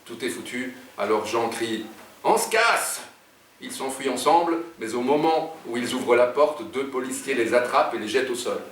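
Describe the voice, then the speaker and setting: Belgian author reading aloud in an echoey room. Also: male voice, brisk, few pauses. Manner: lively reading, raises pitch for characters. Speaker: author reading his novel. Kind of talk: author talk and book reading. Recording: echoey room, distant mic, faint noise.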